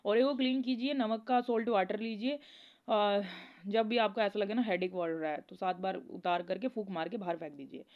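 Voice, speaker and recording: A woman's voice: mid-range voice, moderate pace. A woman talking casually in a spiritual advice vlog, rambling and chatty, often laughing as she tells stories. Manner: rambling, chatty, keeps asking "okay?". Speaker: spiritual content creator. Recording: dull lo-fi recording.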